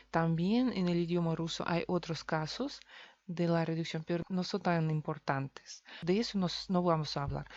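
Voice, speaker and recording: A woman from Russia speaking Spanish with a Russian accent, teaching a language lesson, explaining slowly and repeating example words. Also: fairly low pitch, darkish tone, dry recording, highs cut off.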